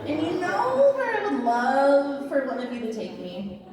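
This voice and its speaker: A woman acting as a volunteer auctioneer at a live fundraiser, playfully joking and chanting bids in quick repeats. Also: high-pitched, animated, a crowd in the background. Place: large event hall at a fundraiser. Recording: echoey hall, voice from far off.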